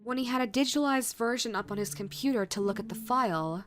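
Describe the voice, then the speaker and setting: A woman reading a scripted creepypasta horror narration in a measured way, with dramatic pauses. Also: on the high side. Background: background music.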